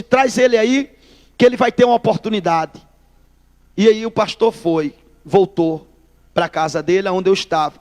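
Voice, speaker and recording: A very high-voiced man from Northeast Brazil shares his testimony in a sermon, his voice carrying a big-room sound. He narrates with energy, performing the dialogue and addressing the audience as brother.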